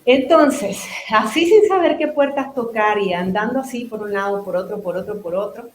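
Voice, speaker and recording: An animated woman with a mid-range voice speaks at a moderate pace, and the sound is roomy. Being interviewed, this Nicaraguan psychotherapist and business owner chats freely, explaining at length with asides and restarts.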